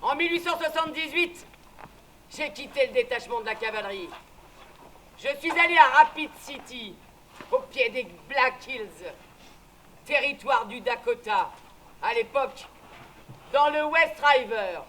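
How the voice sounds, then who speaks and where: Man narrating as an ex-cavalry prospector, loud and bright, kinda high. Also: expressive, a little slow, pauses often, a little hiss or hum, exaggerated voice, poor audio. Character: former cavalryman turned prospector. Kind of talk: first-person scripted narration.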